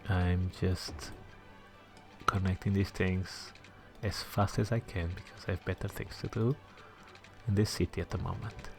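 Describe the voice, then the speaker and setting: A man hosting a city-building game playthrough, thinking aloud, muttering asides to himself and now and then dropping to a whisper, chatty and self-deprecating toward his viewers. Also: low-pitched. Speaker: gaming channel host. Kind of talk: let's-play commentary while building a city.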